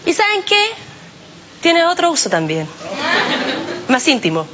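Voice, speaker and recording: Chilean woman comic, very high voice, slangy and self-mocking, muffled noisy live recording. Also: wildly swooping pitch, a little slow, over a noisy crowd. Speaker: stand-up comedian. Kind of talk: stand-up comedy routine.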